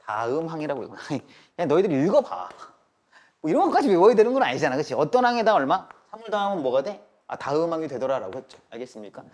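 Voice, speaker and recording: A slightly high-pitched man teaches a live math class, tossing rhetorical questions at the room and checking in with a firm "got it?". He swings between polite phrasing and casual banter with his students. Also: sing-song, quick pace, darkish tone. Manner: mixes polite and casual speech, drills with "알겠습니까?".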